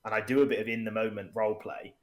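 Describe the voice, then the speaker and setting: Low-voiced chatty man. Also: level tone, very fast. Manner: chatty, restarts often, acts out player quotes. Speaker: podcast co-host. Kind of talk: casual chat about tabletop games.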